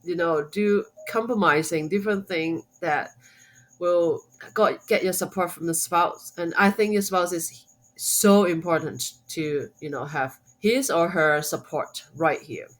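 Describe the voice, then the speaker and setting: A woman's voice: fairly low pitch, a little slow, rough recording. A woman from Hong Kong with a Hong Kong accent, a guest on a podcast interview, speaking English as a second language with many fillers and restarts. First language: Cantonese. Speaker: guest, homeschooling mom and blogger.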